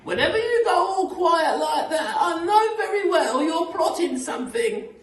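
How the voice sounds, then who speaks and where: A man voicing a shrill, cackling, suspicious old wife from a storybook, shrieking and scolding. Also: sing-song, normal speed, fairly bright tone, recorded from a distance, a little hiss or hum, exaggerated voice. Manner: scolding, threatening. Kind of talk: storybook character voice. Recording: echoey room.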